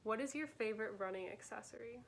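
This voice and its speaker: A woman's voice: fairly high pitch, quick pace, slight background noise. A young woman hosting a vlog, chatting casually with many "like"s and "um"s. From Michigan. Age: young adult. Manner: chatty, filler-heavy, laughing. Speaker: vlog host. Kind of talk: casual chat on camera.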